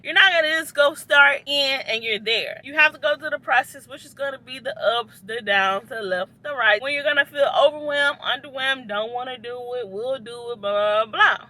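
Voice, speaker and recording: A woman's voice: on the high side, bright, forceful tone. A woman in her thirties giving a chatty, encouraging vlog talk from her parked car, speaking to viewers as y'all. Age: 30s. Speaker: vlogger. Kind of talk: casual encouraging talk to camera.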